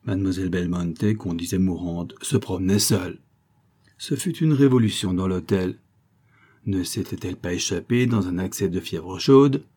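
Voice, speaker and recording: Low, husky male audiobook narrator. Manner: steady, measured storytelling. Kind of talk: scripted narration.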